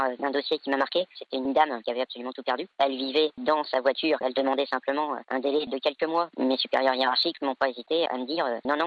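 A man whose voice is disguised by a voice changer, giving anonymous testimony in a radio report, talking quickly with frequent hesitations. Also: mid-range voice, no echo, lo-fi sound. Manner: rapid talk with frequent hesitations. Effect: voice changer disguising his voice. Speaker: anonymous former debt-collection employee.

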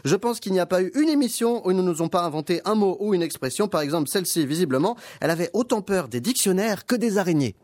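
A man's voice: high voice, lively intonation, quick pace, hardly any pauses, darkish tone. A man giving a comic TV column on the radio, with a wry, mocking way of talking into a studio microphone.

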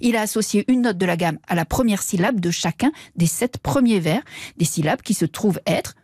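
A woman's voice: mid-range voice, lively intonation, normal speed, darkish tone, no echo. A woman explaining word origins as a radio language columnist in a studio, in a playful, self-mocking way. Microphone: studio microphone.

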